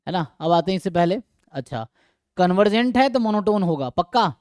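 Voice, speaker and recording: A man's voice: high-pitched, expressive, fairly quick, darkish tone, no echo, studio quality. A man with an Indian accent teaching a live online math lecture, explaining step by step and quizzing his students.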